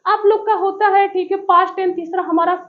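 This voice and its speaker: Male teacher doing a high-pitched, sugary primary teacher lady, speaking to tots, slightly distant from the mic. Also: little pitch movement, brisk, phone-quality sound. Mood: sweet coaxing. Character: primary school woman teacher, sweetly coaxing.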